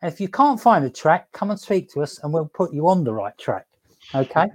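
Hosting a relaxed livestream, this man is cheerful and very animated, frequently breaking into laughter. His slightly high voice stumbles through fillers and false starts, and he keeps asking "okay?" to check in with viewers.

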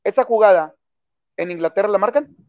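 A man's voice: high voice, a little fast, no room sound. Insistent man arguing. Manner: insistent, repeats questions, interrupts. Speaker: sports talk show co-host. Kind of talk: heated casual debate. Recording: dry, slightly dull podcast audio.

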